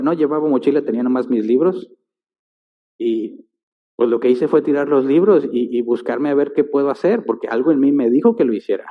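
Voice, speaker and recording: Pastor telling a vivid story. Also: male voice, medium pitch. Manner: vivid storyteller, acts out sounds and voices. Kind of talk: sermon storytelling. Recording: tinny sound in a reverberant church hall.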